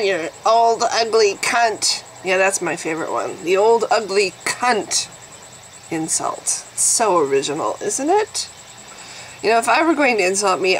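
A woman's voice: mid-range voice, a little hiss or hum, rough recording. A woman in her fifties with a nasal voice, vlogging to camera in a blunt, sarcastic way. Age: 50s. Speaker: YouTube vlogger. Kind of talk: candid talking-to-camera vlog.

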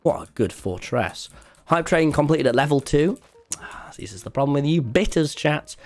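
A man livestreaming a game, chatting to his viewers in an animated, sweary, exclaiming way with music behind him. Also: on the high side, moderate pace. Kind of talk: excitable game stream chatter, talking to chat. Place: indoors at a computer.

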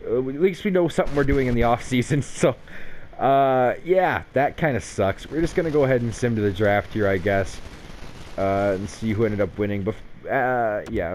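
A man's voice: on the low side, darkish tone, a little hiss or hum. A young man giving casual, sarcastic gameplay commentary on a hockey game, swearing freely when frustrated. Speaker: gaming YouTuber.

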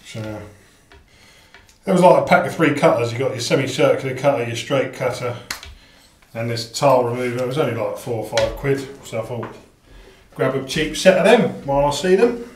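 A middle-aged man talks through his work in plain, practical terms, pausing on fillers as he thinks. His voice bounces around a small tiled bathroom, caught on an action camera. A faint hiss sits under the room's hard echo. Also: mid-range voice. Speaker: DIY vlogger. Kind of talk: casual DIY narration. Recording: echoey tiled room, faint noise.

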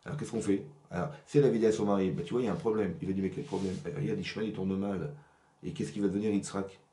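A man giving a religious lesson to women as a rabbi, animated and often checking whether the audience has understood. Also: sits low, rapid-fire, roomy sound. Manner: animated, asks "vous avez compris?" often. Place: rented workshop room.

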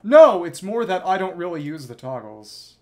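A man with a high, sing-song voice at normal speed gives casual livestream commentary on a game as a virtual avatar host. He thinks aloud in clipped fragments and reads bits of the dialogue.

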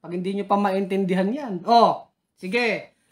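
A woman's voice: medium pitch, a little slow. A woman giving combative political commentary, taunting critics and challenging them directly. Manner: taunting, heckles critics and reads their names.

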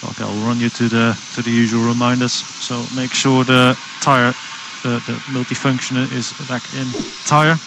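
A man working as a race engineer, giving halting procedural instructions over race car team radio. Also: mid-range voice, little pitch movement, background noise. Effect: team radio transmission.

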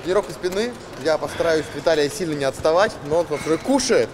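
Fast-talking middle-aged male host. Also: on the high side, music in the background. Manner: lively, quick questions. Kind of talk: casual interview chat. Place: indoor gym.

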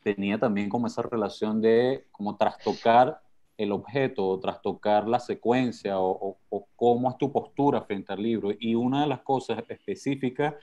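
A man's voice: lowish voice, normal speed, mellow, highs cut off. A man on a video call, explaining his ideas about a book with many fillers. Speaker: moderator of a book talk. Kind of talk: casual video call conversation.

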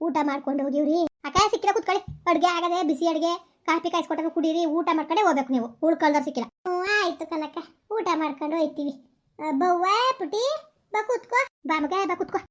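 A woman playing chatty village women, high fast voice. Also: close to an everyday voice. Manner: chatty, exclaiming, repetitive village talk. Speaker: actor in a village skit. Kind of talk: rural comedy skit acting.

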